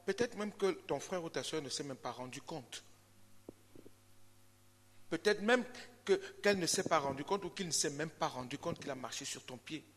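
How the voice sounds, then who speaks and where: High-voiced preacher in a church hall. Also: male voice, expressive, normal speed, long pauses, a bit bright. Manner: emphatic, repetitive, caricaturing with animal stories. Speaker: pastor. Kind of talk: sermon.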